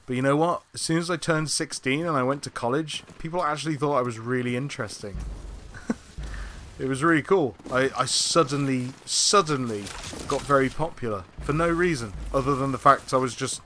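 A man's voice: mid-range voice, brisk, sharp tone, a little hiss or hum. A man with a British accent casually chatting as he streams a video game live from a room at home. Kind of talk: casual chat over gameplay. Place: small room at home, indoors. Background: faint game music.

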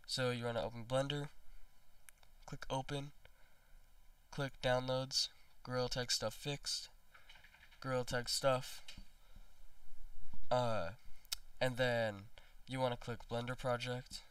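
A man's voice: mid-range voice, flat delivery, slow, long pauses, a bit bright, clear, resonant tone, no room sound, distant mic. A young man with a congested voice, rambling through a casual screen tutorial with many ums and restarts. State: congested after being sick. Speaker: tutorial maker.

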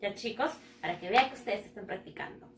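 A woman's voice: mid-range voice, brisk, reverberant, a little hiss or hum. A woman teaching English to first graders, drilling words and giving cheerful praise. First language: Spanish. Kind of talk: bilingual lesson to children.

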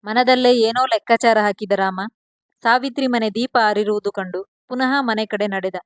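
A woman storyteller giving a measured, expressive scripted narration of a serial love story. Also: fairly high pitch, dry recording.

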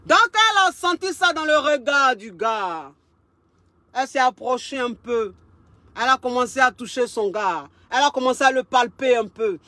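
Woman coach, high voice, keeps repeating herself for effect, dry close sound. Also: moderate pace, no echo. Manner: lively, repeats phrases for emphasis, street slang. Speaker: relationship coach. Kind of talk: casual storytelling monologue.

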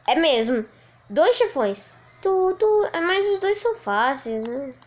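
A woman with a Brazilian Portuguese accent giving let's play commentary, excitedly yelling at the enemies on screen. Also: sits high, slow. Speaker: gaming channel host.

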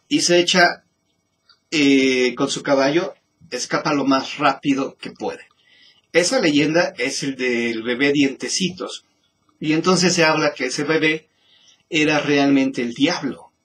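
A Mexican man hosting a show, telling legends in a musing, halting way with frequent restarts. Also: fairly high pitch, fairly bright tone, slightly rough. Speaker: host. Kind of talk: storytelling commentary.

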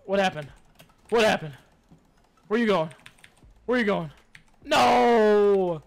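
A young man giving excitable, hyped commentary while playing a video game, swearing and taunting his enemies. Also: high-pitched, normal speed. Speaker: gaming YouTuber. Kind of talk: live gameplay commentary.

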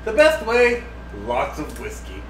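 Bantering drunkenly on a livestream, a co-host jokes and swears casually, tipsy and profane. His voice is on the high side and a bit bright, with wildly swooping pitch and a slightly slow pace. He's recorded indoors in a home kitchen on a distant room mic, with roomy sound and faint noise.

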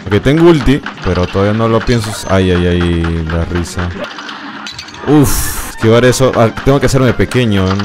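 A man's voice: lowish voice, normal speed. A man streaming a game, giving running commentary, muttering to himself, barking orders at his character and yelping when things go wrong. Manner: excitable, yelps and laughs at the game. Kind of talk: live gameplay commentary. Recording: streamed voice over loud game music. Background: game music.

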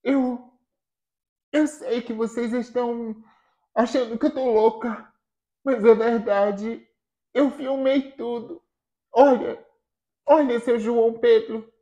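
A guilt-ridden, frightened nurse, read out by a woman in a dramatic soap recap. She pleads and apologizes in a raised, mellow tone, unhurried. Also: a little high, steady tone, highs cut off, pitched above the performer's own voice. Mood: insistent. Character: remorseful frightened woman nurse, middle-aged.

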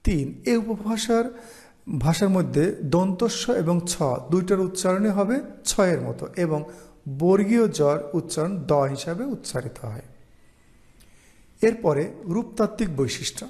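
Slow-talking male teacher. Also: sits high, lively intonation, mellow. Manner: slow, explanatory, with example phrases read out. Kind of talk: online lecture.

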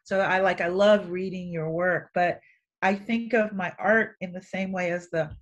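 A woman artist speaking on a panel in a relaxed, conversational way, laughing often. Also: on the low side, moderate pace. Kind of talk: panel discussion.

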